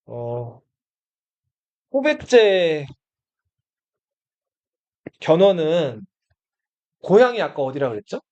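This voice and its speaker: Speaking extremely slowly with frequent pauses, a man teaches Korean history to students in a study room classroom, his voice fairly high, very animated, and a little mellow. He repeatedly poses questions to the class and answers them himself, captured in a dull lo-fi recording.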